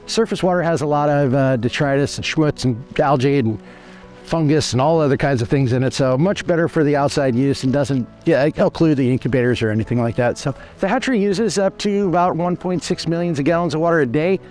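On location by a creek, a man in his forties tours visitors around the fish hatchery he manages. His voice is slightly high with a darkish tone, and he talks fairly quickly while faint music plays. He's earnest and matter-of-fact, frequently starting sentences over.

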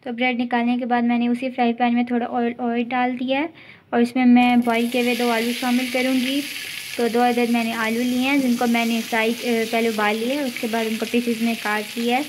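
Woman, cooking vlog host, very flat delivery, slightly high voice, faint background hiss. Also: brisk. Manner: even, steady explaining. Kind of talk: step-by-step cooking voice-over. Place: home kitchen.

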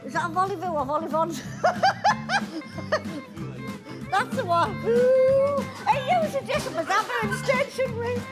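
A woman's voice: very high-pitched, big pitch swings, slow, low-quality recording. A woman working in a school canteen, giggly and playful as she tries out words. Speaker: canteen worker. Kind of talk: casual chat. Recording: busy canteen with loud music and crowd.

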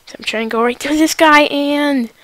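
A woman giving live gameplay commentary as a gaming video host, excitable and prone to panicked exclamations. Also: high voice, moderate pace, dry recording.

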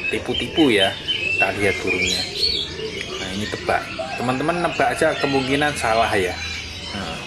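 A man, chatting casually as a bird-keeping vlogger and explaining while he films outdoors with a phone. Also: fairly low pitch. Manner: friendly, chatty, keeps saying "friends" with a dropping tail. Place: outdoors by bird cages on paving. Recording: phone audio with clear background noise.

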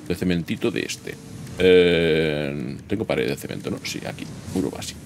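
A man's voice: sits low, vocal fry, slight background noise. A man casually commenting while he plays a building game, chatting and joking with himself and the game. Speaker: gameplay streamer. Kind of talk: casual let's-play commentary. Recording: game music loud behind.

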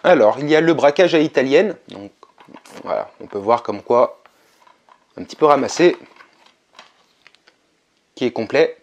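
A man narrating a casual vlog, relaxed and chatty, with frequent hesitations. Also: medium pitch, a little slow, long pauses, muffled recording. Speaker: video game collector vlogger.

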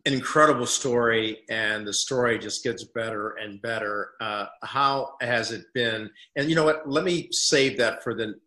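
A man's voice: mid-range voice, normal speed, few pauses, pushed and bright, roomy sound. A man in his sixties hosting a TV interview from a home study, speaking in a polished, encouraging broadcast manner. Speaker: TV news host.

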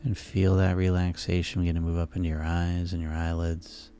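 A man leads a guided sleep hypnosis in a soft, soothing way. His voice is deep and mellow, with very little rise or fall. He takes his time, pausing between calm phrases. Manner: soft, soothing, unhurried delivery with pauses. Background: relaxation music.

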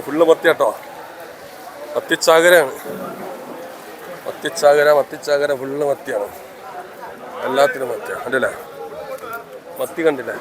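A man with a Kozhikode Malayalam accent giving casual, repetitive running commentary for a video and calling out to workers. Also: fairly high pitch. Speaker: vlogger at a fishing harbour. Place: busy outdoor fishing harbour. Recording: noisy outdoor recording with vehicles. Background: harbour and vehicle noise.

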